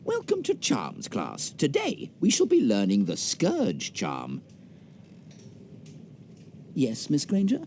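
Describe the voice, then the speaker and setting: An actor with a British accent playing a fussy, scholarly charms professor in a video game, lecturing with theatrical precision. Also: male voice, medium pitch, wildly swooping pitch, slow pace, long pauses, exaggerated voice. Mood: prim, reluctant.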